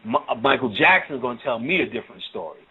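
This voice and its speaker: A man's voice: mid-range voice, expressive, fast. A man giving a casual, profane spoken lecture on the occult, talking in a loose, rambling way and often asking "you know what I'm saying?". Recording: tinny phone-like audio.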